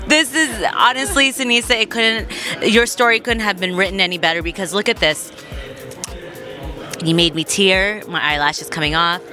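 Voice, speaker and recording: A bubbly woman hosts a podcast interview with a bright, lively voice. She gushes, teases and swears casually, with faint music underneath. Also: medium pitch. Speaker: podcast host.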